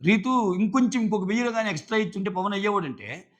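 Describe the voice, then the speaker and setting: A man with a high voice and a Telugu accent talks through a TV episode in casual review commentary. He argues his points, paraphrasing what others said and tossing out rhetorical questions. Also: lively intonation, fast talker. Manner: argumentative, asks rhetorical questions, paraphrases contestants' quotes. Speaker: reality show reviewer.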